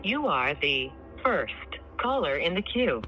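A recorded automated voice announcing a caller's place in a phone queue, spoken slowly with evenly spaced words. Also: mid-range voice, big pitch swings, bright, forceful tone, lo-fi sound, faint music behind.

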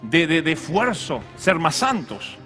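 Brief: high, lively-voiced male pastor, comic storytelling sermon, faint music behind. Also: unhurried. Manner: animated storytelling with acted voices and jokes. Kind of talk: humorous sermon.

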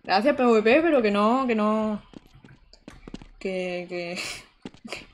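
A woman's voice: medium pitch, expressive, slow, slight background noise. A young woman, chatting to her viewers while playing a game live. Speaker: streamer. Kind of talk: live gameplay commentary.

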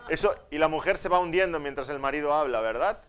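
A male pastor teaching at a Bible conference in a conversational way. He counts off numbered points and keeps checking with the audience through tag questions. He swings from soft asides to loud, emphatic points. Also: a little high, quick pace, clean tone.

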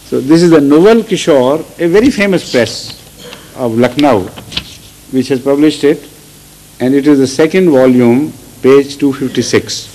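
Halting man giving a scripture lecture. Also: mid-range voice, dark tone, a little hiss or hum, low-quality recording. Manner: deliberate, with frequent restarts and repeated words. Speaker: religious teacher. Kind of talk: Quranic commentary lecture.

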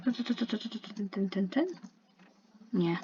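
Mellow and medium-pitched, a young woman who makes gaming videos talks at normal speed as she plays online, griping and chatting both to herself and her teammates. Faint hiss runs under the dull, lo-fi recording.

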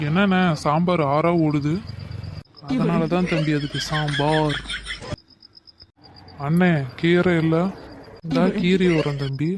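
A man's voice: on the high side, steady tone, slow, pauses often. A man performing comic skits, delivering teasing punchlines. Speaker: comedy sketch performer. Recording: noisy recording.

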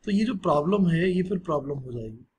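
Here the same relaxed social studies teacher, a man, chats through the lesson while mixing in English phrases. He speaks a little fast with a voice on the high side, over a faint hiss or hum.

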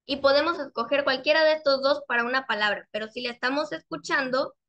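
A young woman teaching a class over a video call, with a high and bright voice. She is patient and repeats her questions. She stretches each example word out slowly so that the learners can hear it. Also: lo-fi sound. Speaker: English teacher. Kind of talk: online class instruction.

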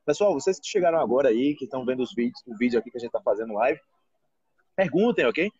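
A Brazilian man teaching Portuguese on a live stream from a restaurant, chatting in an animated way and acting out other people's voices. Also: medium pitch, fast, husky, lo-fi sound. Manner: animated, acts out quoted voices. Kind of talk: casual live chat.

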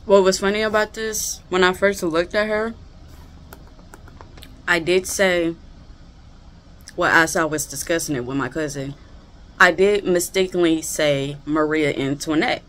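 A woman's voice: fairly low pitch, measured pace, pauses often, a bit bright. A woman hosting a reaction video, chatting casually and eating while she talks.

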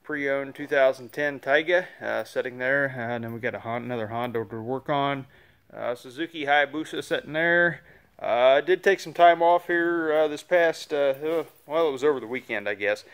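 A man gives a relaxed, rambling update full of "uh" fillers as he walks through his large indoor motorcycle shop and showroom, filming with a handheld phone camera. His voice is smooth and medium-pitched, at a normal speed.

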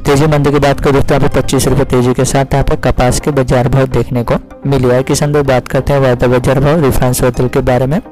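A man's voice: mid-range voice, little pitch movement, music in the background, poor audio. A man from India hosting a farm market report, rattling off commodity prices in a repetitive scripted way. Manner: rapid, repetitive listing of prices. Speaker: host reading market prices.

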